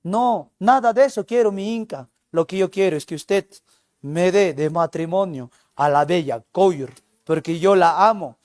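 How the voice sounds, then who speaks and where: A man's voice: high voice, unhurried, darkish tone, dry recording, studio quality. A male teacher voicing a lovesick young Inca general who pleads in an earnest tone.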